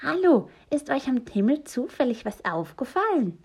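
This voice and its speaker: A woman's voice: high-pitched, very animated, moderate pace, a little mellow, husky, pitched above the performer's own voice, exaggerated voice. A woman voicing a cheerful, brave male skunk, bold and coaxing in a storybook. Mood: eager.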